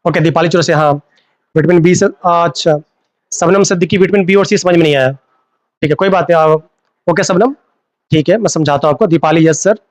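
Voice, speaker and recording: A man teaching a live online class speaks fairly quickly in a slightly high voice, captured on a phone with no room sound. He mixes in English and echoes important terms as questions to the students.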